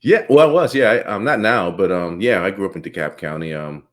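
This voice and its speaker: Deep-voiced man hosting a casual chat. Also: fairly quick. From Bahamas. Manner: relaxed, rambling, laughs often. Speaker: podcast host.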